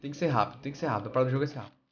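Excitable Brazilian gaming youtuber. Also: male voice, medium pitch, rapid-fire, lo-fi sound, slight background noise. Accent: Brazilian Portuguese. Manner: excitable, joking, shouts greetings to viewers. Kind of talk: let's play commentary.

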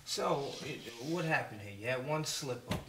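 A man's voice: medium pitch, expressive, normal speed, noisy background, close to an everyday voice. A man playing a blustering drunk husband. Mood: reassuring. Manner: slurring bluster that flares into shouting. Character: hot-tempered drunk husband, blustering and defensive. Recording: echoey room, distant mic.

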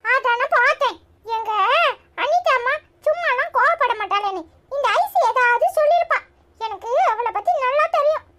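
A woman's voice: very high-pitched, animated, moderate pace, bright, forceful tone, pitched above the performer's own voice, heavily acted. A woman voicing a cheeky, bossy but caring little boy in a cartoon, with a Tirunelveli Tamil accent and chirpy childish chatter.

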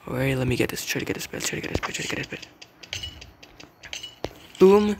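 Young male gamer, casual gameplay commentary, gravelly voice, repeats words in bursts, noisy home mic. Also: mid-range voice, monotone. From English-speaking country with its own slang. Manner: mutters and repeats words rapidly in tense moments, exclaims at teammates.

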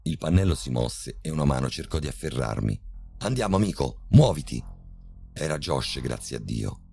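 A man narrating a horror story in a measured, tense storytelling manner. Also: very deep voice, vocal fry, darkish tone, slightly rough.

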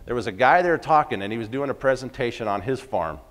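A man's voice: mid-range voice, animated, fast talker, fairly bright tone. A man, a farmer, giving a folksy conference talk and asking the audience questions. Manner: folksy, asks the crowd questions. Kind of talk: storytelling lecture to an audience. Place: conference hall. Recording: long reverb of a large hall.

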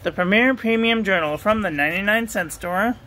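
A woman reviewing ink and paper at a home desk, talking through a steady, repetitive checklist and getting excited about the ink colors. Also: medium pitch, fairly quick, rough recording. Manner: enthusiastic over ink colors. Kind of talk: casual product review voice-over.

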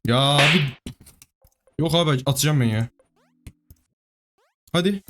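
A man giving live gameplay commentary, excitable, pleading with the game and cursing at it. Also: fairly high pitch, measured pace, loud music behind the voice. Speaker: gaming YouTuber.

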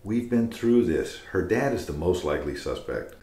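An actor playing a stubborn older retired police officer who speaks firmly and dismissively in an audio drama. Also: male voice, low-pitched, lively intonation, moderate pace, warm tone. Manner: firm, dismissive, sure of himself. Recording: roomy echo.

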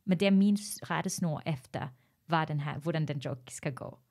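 A woman comedian talking as a podcast guest in casual chat, thoughtful and measured. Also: sits low, a little mellow.

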